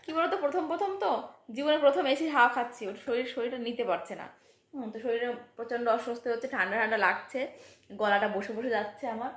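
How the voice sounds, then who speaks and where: A woman's voice: fairly high pitch, rapid-fire. A woman vlogging casually from her home, chatting directly to her viewers with frequent tag questions. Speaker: home vlogger and private tutor.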